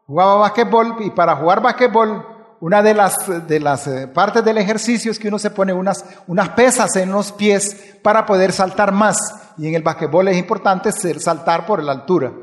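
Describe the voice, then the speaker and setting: High-voiced male preacher in a reverberant hall. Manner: storytelling that drops soft and low in tense moments, then rises to emphatic preaching. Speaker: pastor. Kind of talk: sermon with a personal story.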